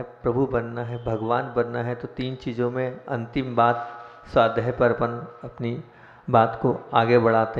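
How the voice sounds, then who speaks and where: A man monk giving a devotional sermon, explaining step by step and asking the audience questions. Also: medium pitch. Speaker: senior monk giving discourse. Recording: echoey hall, dull lo-fi sound.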